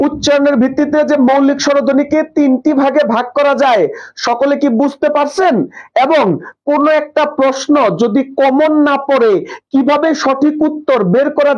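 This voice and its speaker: A man's voice: very high-pitched, steady tone, brisk, darkish tone. A young man teaching a live online class, drilling students with questions and repeating answers. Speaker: online tutor. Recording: dull lo-fi live stream audio.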